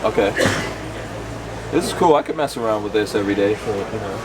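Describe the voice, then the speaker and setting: A man's voice: on the low side, lively intonation, brisk. Curious man from Guyana with crowd behind. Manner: curious, eager questions with frequent backchannel. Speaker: van life vlogger. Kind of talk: casual chat.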